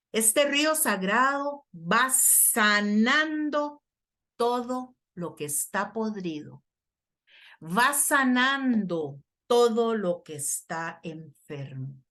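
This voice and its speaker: A woman's voice: mid-range voice, a bit bright. A middle-aged woman from Costa Rica preaching earnestly at a prayer workshop and reading scripture aloud. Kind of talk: sermon.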